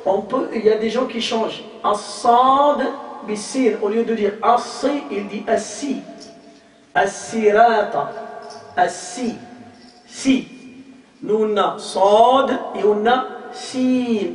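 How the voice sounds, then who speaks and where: A man's voice: high voice, fairly even intonation, takes it slowly. A man teaching a religious lesson to a group, repeating points with emphasis, demonstrating pronunciation and asking rhetorical questions. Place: hall of a community association. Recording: echoey hall, mic far off.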